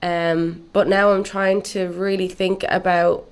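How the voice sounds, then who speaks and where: A young Cuban-born woman raised in Dublin speaks as a musician guest in a casual interview. Her voice is lowish, clear and resonant, a little slow, and her relaxed, chatty answers are full of "like" and "um".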